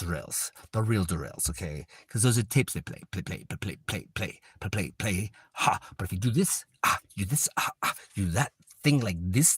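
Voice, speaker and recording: A man's voice: fairly low pitch, fairly bright tone, breathy edge, no room sound, studio quality. A man on a livestream, talking in a rambling, repetitive spiritual monologue that drifts into whispers now and then.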